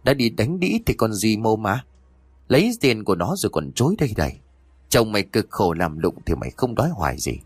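A man playing a furious jealous husband from an old spooky audiobook, harsh and insulting, spitting out rapid scolding that lurches up and down in pitch, his voice low and close without any room sound. The delivery is biting and relentless, every word a fresh accusation. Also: very animated, breathy edge, dry recording. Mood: enraged. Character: jealous, abusive husband in his village home.

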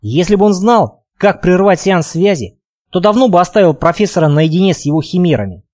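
Expressive male audiobook narrator. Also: high voice, a little fast, no echo, studio quality. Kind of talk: scripted narration.

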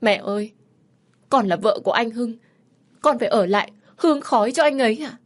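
A woman's voice: medium pitch, moderate pace, darkish tone, slightly rough, natural voice. A woman voicing a grieving young wife who pleads tearfully with her husband in a story. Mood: anguished.

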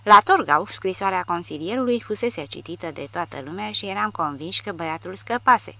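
A woman reading a war novel aloud in steady, measured scripted narration. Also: lowish voice, vocal fry, no echo. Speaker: audiobook narrator.

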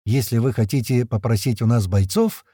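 A man's voice: mid-range voice, moderate pace, dark tone, breathy edge, no room sound, studio quality, lightly acted. A man reading the lines of a hot-tempered soldier who hisses and threatens in fury. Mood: furious. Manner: hissing, furious, threatening.

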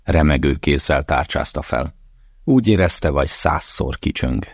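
A man with a very deep voice narrates an audiobook in a steady, measured way. The recording is dry and close, with no room sound. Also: vocal fry, breathy edge, no room sound. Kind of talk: scripted narration.

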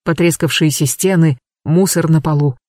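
Steady dramatic audiobook reader. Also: mid-range voice, moderate pace, no echo, studio quality. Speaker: audiobook narrator. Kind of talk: scripted narration.

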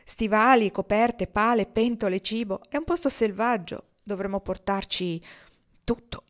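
A woman reading the lines of an eager, restless young man who talks fast and with youthful enthusiasm. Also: medium pitch, natural voice. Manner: hurried, enthusiastic.

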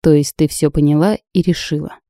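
Brief: reserved grown man, read by a woman, calm, curt, measured, low dark tone. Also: no room sound, studio quality. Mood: cool.

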